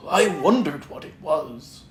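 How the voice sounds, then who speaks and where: A reader voicing Tigger, a bouncy, cheerful, boastful young male tiger who talks loudly, in a storybook reading. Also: mid-range voice, expressive, slow. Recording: roomy echo, faint background noise.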